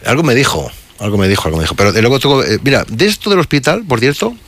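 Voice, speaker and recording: A man co-hosting a morning radio show, bantering casually with jokey, animated interjections. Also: medium pitch, quick pace. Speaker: radio co-host.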